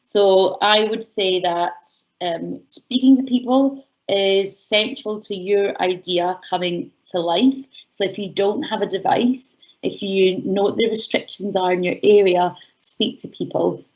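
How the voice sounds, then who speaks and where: A Scottish woman giving advice in an online Q&A session, talking fast and excitedly with fillers. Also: mid-range voice, muffled recording. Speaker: guest speaker. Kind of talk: online webinar Q&A talk.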